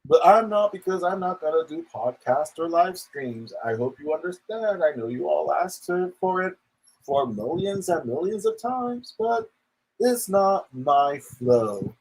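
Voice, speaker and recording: A man puts on a smug, aloof male online creator. The voice sits high, and the delivery is sarcastic and mocking throughout. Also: very animated, measured pace, darkish tone, husky, heavily acted, rough recording. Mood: mock-cheery, smug.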